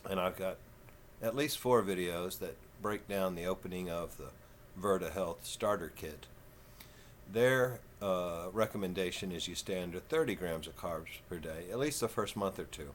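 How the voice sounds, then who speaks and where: A man in his fifties with a Texan southern twang, talking slow and folksy in a rambling, casual vlog. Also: low voice, a little hiss or hum. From Texas. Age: 50s. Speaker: vlogger.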